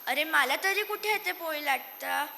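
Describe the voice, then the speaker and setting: A woman's voice: sits high, lively intonation, normal speed, gravelly, sharp tone, a little hiss or hum, heavily acted. A woman voicing two small lazy mice, eager and whiny, on a stage. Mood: dodging. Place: stage in a hall. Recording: echoey hall.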